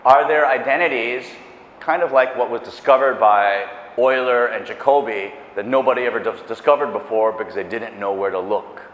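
In an echoey lecture hall with dull sound and a slight hiss or hum, a middle-aged man with a mid-range voice gives a public math lecture on a lapel mic. He paces the stage with animated gestures, enthusiastic and chatty, making asides and correcting himself.

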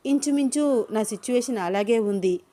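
A woman's voice: a little high, moderate pace, warm tone, close to an everyday voice. A woman reading a story, voicing a young man who teases the woman he is falling for. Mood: teasing. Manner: playful, teasing questions. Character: young man, teasing, smitten office boss.

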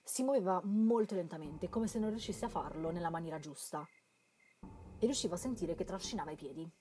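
An Italian woman translating and reading a horror game aloud, moving between quiet narration and loud joking remarks. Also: fairly low pitch, a little fast, a crowd in the background. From Italy. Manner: reads narration softly then breaks into loud, playful commentary. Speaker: let's play host translating a game aloud.

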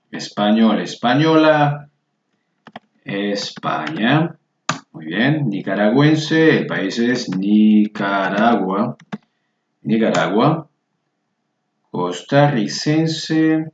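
A fairly low-voiced man teaches Spanish over a screen share, taking his time to spell every word form out loud. The lo-fi recording is roomy and dull, with a little background noise.

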